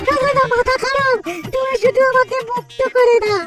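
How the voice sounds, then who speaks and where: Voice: extremely high pitch, steady tone, fairly quick. An actor voicing a whiny, cowardly, boastful ghost in a cartoon, with exaggerated delivery. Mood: pleading. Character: boastful tree-dwelling ghost turned pleading, cowardly captive. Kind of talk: cartoon voice acting. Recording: loud music under the voice.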